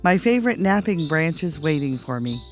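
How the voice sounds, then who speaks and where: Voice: mid-range voice, very animated, moderate pace, music in the background, natural voice. A storyteller voicing a busy, drowsy owl who speaks in a polite, formal manner. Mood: polite, dismissive.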